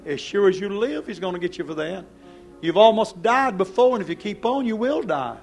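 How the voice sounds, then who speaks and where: Before a church congregation, a high-pitched male pastor thunders a hellfire sermon, stern and accusatory. He keeps hurling rhetorical questions and drops to a hush before surging loud again, always emphatic.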